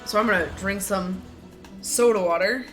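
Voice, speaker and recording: A woman's voice: medium pitch, moderate pace. A woman streamer chatting casually and rambling as she plays a game, from a small home office that is a little echoey. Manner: chatty, rambling, thinks aloud. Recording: streamed voice over loud game music.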